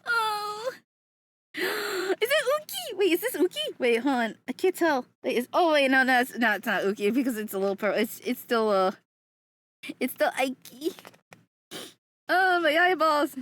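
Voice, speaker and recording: A young woman streaming casually, excitable, often gasping and laughing, and swearing freely. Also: sits high, normal speed.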